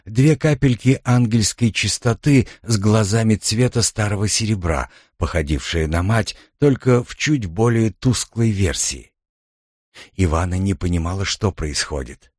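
A man reading a novel aloud as an audiobook narrator, steady and measured. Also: lowish voice, no echo, studio quality. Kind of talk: scripted narration.

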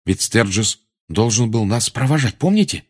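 A man's voice: lowish voice, expressive, moderate pace, breathy edge. A man reading aloud and voicing a tense, earnest teenage schoolboy wizard.

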